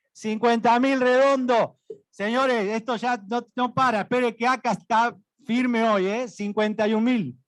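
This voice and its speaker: A man's voice: very high-pitched, no echo. A man with an Argentine accent working as an auctioneer, calling out rising bids, repeating prices and prompting for more.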